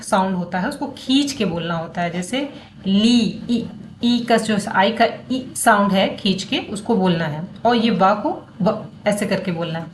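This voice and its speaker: A woman with a mid-range voice teaches English phonics. She slowly sounds out letters and syllables, breaking off now and then to correct herself. A faint hiss of noise sits under her voice. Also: mid-range voice. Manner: breaks words into sounds, spells letters aloud, self-correcting. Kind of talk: classroom-style lesson explaining syllables.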